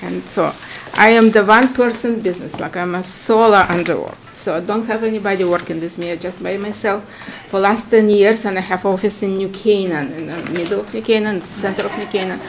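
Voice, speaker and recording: A middle-aged woman with a Ukrainian accent speaks at a town meeting microphone. She talks in a chatty, halting way, with plenty of fillers and easy laughter, over a faint background hiss. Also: mid-range voice. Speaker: applicant at a public hearing. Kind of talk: informal testimony at a town meeting. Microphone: standing microphone.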